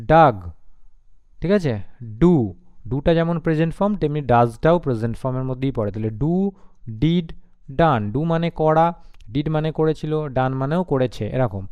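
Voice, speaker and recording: Clear-voiced male tutor. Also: fairly high pitch, dry recording. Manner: slow, repeats words and spells them letter by letter. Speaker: English tutor. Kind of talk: classroom lesson. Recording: slightly dull lo-fi recording.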